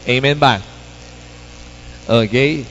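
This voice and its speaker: A man's voice: medium pitch, drawn-out words, slight background noise, poor audio. A man preaching a sermon as pastor, calling out to the congregation for responses. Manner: lively, calls out to the congregation for responses. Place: church service.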